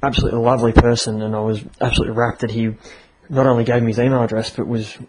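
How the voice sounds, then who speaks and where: A man casually reviewing a comic on his podcast, chatty and halting with many fillers. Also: medium pitch, little pitch movement, darkish tone, low-quality recording. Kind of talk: casual review and story reading.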